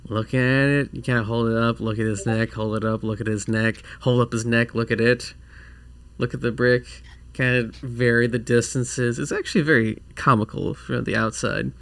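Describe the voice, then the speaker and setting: A man narrating as game master of a casual tabletop game, in an animated, rambling way. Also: mid-range voice, normal speed, vocal fry, no room sound.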